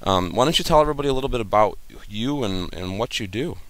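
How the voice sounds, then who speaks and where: A male host with a smooth, resonant voice pitched on the low side. He runs a casual live stream in a chatty, self-deprecating way and sounds relaxed and easygoing. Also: quick pace.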